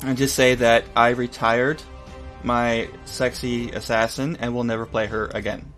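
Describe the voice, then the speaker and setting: A man with a mid-pitched voice hosts a casual podcast. He talks in an informal, bantering way, with faint music behind him. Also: little pitch movement, unhurried, fairly bright tone. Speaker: podcast host.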